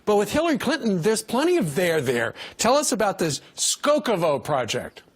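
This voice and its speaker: A man's voice: high voice, wildly swooping pitch, moderate pace, breathy edge. A male TV news host leading a morning interview, asking leading questions and chiming in to agree.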